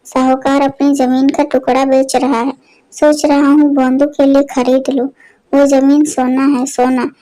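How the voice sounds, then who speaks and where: Lady doing a gruff village dad, storybook, scolding, mellow high voice. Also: level tone, a little slow. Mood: stern. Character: stern village father, middle-aged man.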